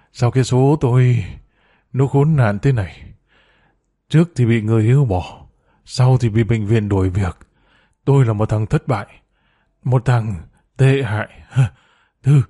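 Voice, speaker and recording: A man's voice: mid-range voice, a little slow, long pauses, mellow, natural voice. A man voicing a drunk, self-pitying male doctor who slurs and blubbers, read in a storybook. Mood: weeping. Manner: slurred, blubbering, pleading.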